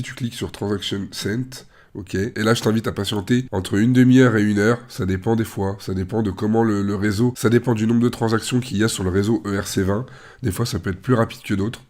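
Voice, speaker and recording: A man with a rough, worn-out voice gives an informal step-by-step screen walkthrough, talking the viewer through each click. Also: fairly low pitch, darkish tone. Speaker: tutorial presenter.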